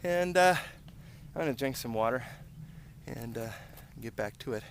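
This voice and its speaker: A medium-pitched, animated American man talks to his viewers while on a long run through rural roads. He's a running vlogger, tired and taking breaks for breath as he chats, recorded with clear outdoor ambient sound.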